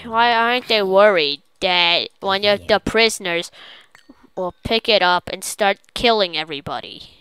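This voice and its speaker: A woman doing silly, excitable let's play commentary as she plays a game. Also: medium pitch, a little slow, a little hiss or hum. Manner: silly, goofy, excitable, jokey. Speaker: gaming channel host.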